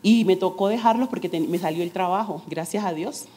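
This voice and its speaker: A woman's voice: fairly low pitch, brisk, warm tone, slight background noise. A woman in her forties giving a testimony sermon to her congregation, earnest and direct, asking rhetorical questions.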